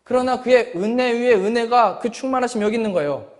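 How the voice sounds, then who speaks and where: A man's voice: extremely high pitch, quick pace, long reverb tail. A male pastor delivering a Sunday sermon, reading scripture aloud and pressing his points with rhetorical questions. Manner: expressive preaching with rhetorical questions. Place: church service.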